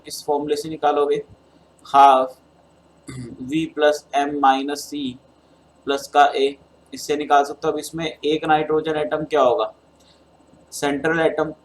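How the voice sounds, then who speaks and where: In this low-quality recording, a fairly high-pitched man with a Hindi accent and a sore throat delivers an exam solution lecture in chemistry. He talks through the steps and addresses his students as beta.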